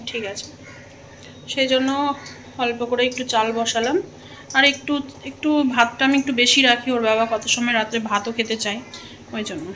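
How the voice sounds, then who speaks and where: A woman's voice: on the high side, fairly even intonation, moderate pace, pauses often, sharp tone, slight background noise. A woman, chatting casually in a home kitchen as she cooks. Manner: chatty, homely, talks while cooking. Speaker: vlogger. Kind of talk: casual cooking vlog chat.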